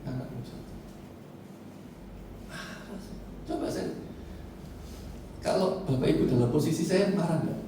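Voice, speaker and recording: A middle-aged man preaching a sermon as pastor, with passionate, drawn-out emphasis and sudden swings from soft to loud. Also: fairly high pitch, expressive, background noise. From Indonesia. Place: large church hall. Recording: echoey church hall, mic at a distance.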